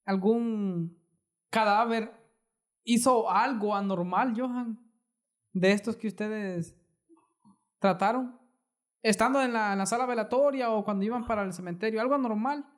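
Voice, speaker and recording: A podcast host, chatting casually with a guest, hedging and adding quick asides. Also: mid-range voice. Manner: conversational, hedging, fast asides. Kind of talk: casual interview chat.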